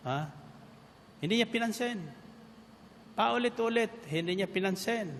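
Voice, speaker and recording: Animated preacher man in a reverberant hall. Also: high-pitched, unhurried, slight background noise. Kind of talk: sermon.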